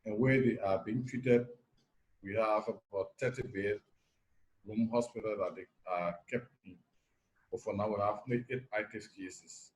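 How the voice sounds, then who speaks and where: A man from Liberia, a nurse anesthetist, giving measured factual answers with pauses and fillers in a video call interview. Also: lowish voice, fairly even intonation, darkish tone, rough recording.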